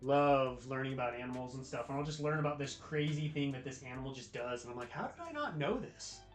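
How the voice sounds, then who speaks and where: This American man's mid-range voice is animated and quick as he hosts a livestream, chatting loosely with viewers in laid-back slang. Music with guitar plays in the background, and the space sounds roomy and echoey.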